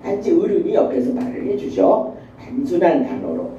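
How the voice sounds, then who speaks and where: A woman professor lectures with a lively, swooping delivery and a deep, mellow tone. Her examples spring to life as she acts out the people in them. She is recorded from across a very echoey classroom, dull and lo-fi, with faint room noise. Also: moderate pace, recorded from a distance. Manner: animated, acts out children and mothers. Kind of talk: university lecture.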